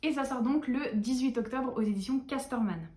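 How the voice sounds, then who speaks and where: A tired young woman chatting casually to camera as a book vlogger, animated and self-mocking. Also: high voice, moderate pace. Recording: echoey room.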